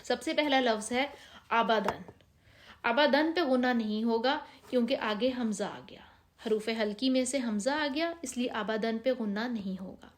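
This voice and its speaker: A woman with a Pakistani Urdu accent teaching Quran reading, explaining rules step by step and slowly drawing out each practice word. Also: on the high side. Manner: patient, drawn-out reading of practice words. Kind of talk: step-by-step recitation lesson.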